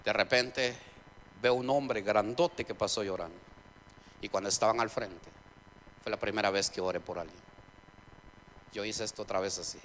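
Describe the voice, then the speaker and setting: A man preaching a sermon testimony in a church, telling his story dramatically, swinging between loud preaching and quiet narration. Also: lowish voice, normal speed, long pauses. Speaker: pastor. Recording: church hall reverb, faint noise.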